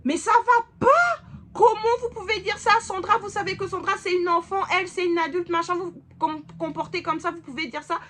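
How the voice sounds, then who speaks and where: A woman voicing her indignant female friend scolding an uncle on the phone, loud and outraged. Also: very high voice, animated, moderate pace, pitched above the performer's own voice, heavily acted.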